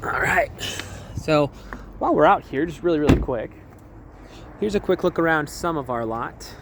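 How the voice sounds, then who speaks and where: A young man casually walking through a vehicle at a car dealership, with an easygoing manner, frequent laughs and quick asides. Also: fairly high pitch, animated, vocal fry, noisy background.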